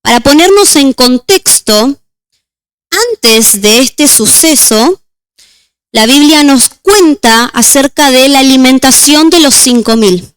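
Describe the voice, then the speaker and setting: A woman deaconess preaching a sermon and reading scripture aloud, slowing down on key words. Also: high-pitched, lively intonation, clean tone, dry recording. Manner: measured, slows on key words.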